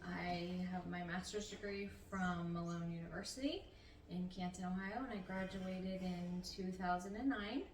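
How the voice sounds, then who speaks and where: This middle-aged woman works as a nurse practitioner and answers interview questions talkatively and easily, meandering somewhat. She speaks at a moderate pace with a steady tone in a lowish voice, recorded roomy and distant with slight noise.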